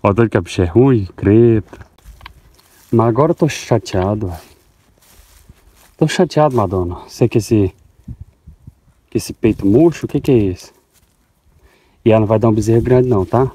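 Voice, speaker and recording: A man's voice: fairly low pitch, moderate pace, pauses often, warm tone, husky. Goiás farmer chatting to his cows. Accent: Goiás Portuguese. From Goiás, Brazil. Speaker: farmer vlogger. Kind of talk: casual vlog talking to cows. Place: outdoors on a cattle farm.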